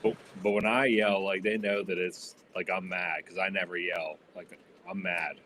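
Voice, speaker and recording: A man's voice: low-pitched, flat delivery, normal speed, pushed and bright, slight background noise. A man talking casually, rambling with lots of fillers. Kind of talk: casual chat.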